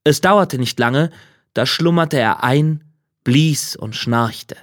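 A man narrating a fairy tale in a calm, even storytelling manner. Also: mid-range voice, slow pace, dry recording, clean studio sound.

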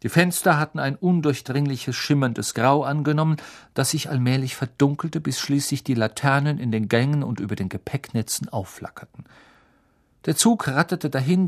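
A man narrating an audiobook in a lively, dramatic reading style. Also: medium pitch. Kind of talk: scripted narration.

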